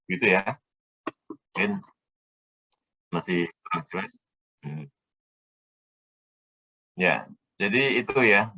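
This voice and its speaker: A man lecturing on a technical subject, explaining step by step, often checking that students follow and pausing on filler sounds as he thinks. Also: lowish voice, pushed and bright, muffled recording. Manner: hesitant fillers while thinking aloud. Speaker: university lecturer.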